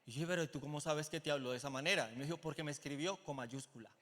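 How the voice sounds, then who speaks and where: In a church auditorium with long hall reverb, a middle-aged Colombian pastor preaches in Colombian Spanish, racing along in a voice on the high side. He tells stories animatedly and acts out the quoted dialogue.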